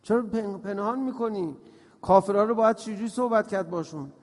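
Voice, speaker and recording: A man giving a religious lecture, emphatic, firing rhetorical questions and sometimes dropping to a soft, hushed tone. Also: sits high. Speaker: preacher. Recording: long hall reverb.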